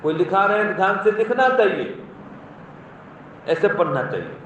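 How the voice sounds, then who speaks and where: High-voiced man lecturing students in echoey hall. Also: sing-song, normal speed, a bit bright, a little hiss or hum. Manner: teacherly, questions and praises students, repeats points. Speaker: speaker addressing school students. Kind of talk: moral talk to a class. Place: school hall or classroom. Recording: very echoey, distant, muffled room recording.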